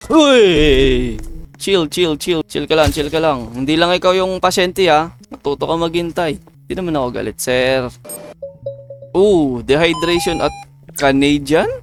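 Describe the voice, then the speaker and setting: A man from the Philippines giving playful, joking let's-play commentary, chatting with his viewers as he plays. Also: medium pitch. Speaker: gaming video creator.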